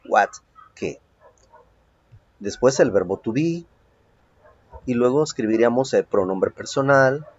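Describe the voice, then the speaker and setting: A man's voice: lowish voice, a little mellow, husky, no room sound. A man with a Mexican Spanish accent teaching an English lesson from home. He explains step by step and keeps checking in with "ok?". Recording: dull lo-fi home recording.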